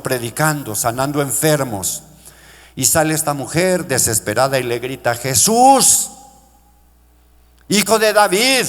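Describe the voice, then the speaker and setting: A middle-aged male pastor preaches with passion in a church sanctuary, his voice echoing with long hall reverb. He calls out to the congregation as brothers and pushes his pitch up into shouts when quoting cries for mercy.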